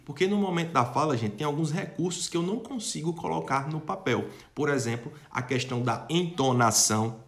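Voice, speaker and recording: A young man teaching a lesson, asking rhetorical questions, answering them himself and checking in with his students. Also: medium pitch. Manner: addresses students directly and checks in often. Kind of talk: online lesson.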